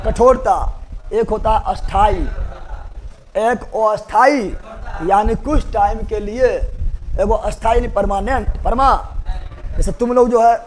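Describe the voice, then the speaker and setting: High-voiced man teaching chemistry. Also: a little mellow, slight background noise. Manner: repetitive call-and-response teaching, joking asides. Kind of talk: classroom lecture.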